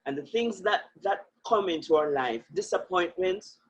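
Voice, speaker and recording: A woman's voice: on the low side, animated, moderate pace, slightly rough. A woman speaking as a guest in an interview, talking earnestly and with emphasis, often breaking into laughter. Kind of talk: reflective interview talk. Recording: muffled lo-fi audio.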